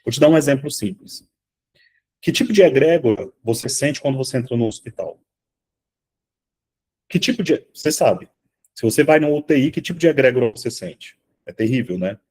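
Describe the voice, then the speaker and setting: Guy teaching an online spiritual class from his house, goes quiet then yells, swears a lot. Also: mid-range voice. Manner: swings from hushed to shouting, swears freely. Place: at home.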